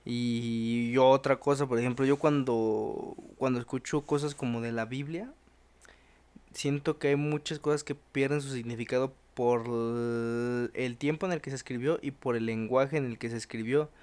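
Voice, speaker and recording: A man's voice: medium pitch, steady tone, moderate pace, darkish tone, clean tone. A young Mexican man in casual podcast chat, thinking aloud with many restarts. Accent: Mexican Spanish. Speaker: podcast co-host.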